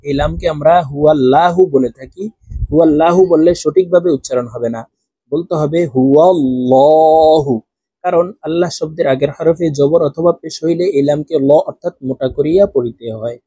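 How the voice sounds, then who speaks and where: High-voiced man chanting Quran lessons. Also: warm tone, husky, no room sound. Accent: Bangladeshi Bengali. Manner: slow melodic chanting of verses between quick spoken explanations. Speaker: Quran recitation teacher.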